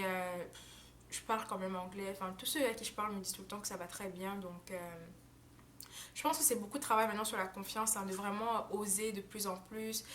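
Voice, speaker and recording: A woman's voice: medium pitch, fairly bright tone, a little hiss or hum. A young woman au pair chatting in a casual vlog, talking freely with many fillers and restarts and laughing often. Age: young adult. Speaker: au pair vlogger. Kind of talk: casual monthly recap vlog. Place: home in the United States.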